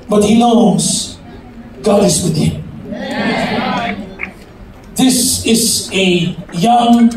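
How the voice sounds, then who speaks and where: A man with a Filipino accent preaching at a youth conference, often shouting and breaking into song, switching between Tagalog and English. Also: high-pitched. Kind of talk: sermon. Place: large hall with an audience. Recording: echoey hall from far off, loud crowd and noise.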